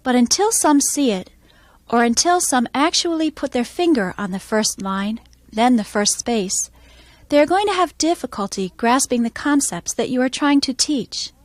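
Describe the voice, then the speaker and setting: A woman music teacher explaining her methods in a calm, measured instructional voice-over. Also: high voice, dry recording.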